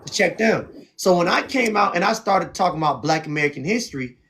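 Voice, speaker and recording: A South Florida man hosts a heated debate on a stream, speaking emphatically and preachily and repeating "see what I'm saying." His high voice is lively and a bit bright, his pace slightly fast, with slight background noise.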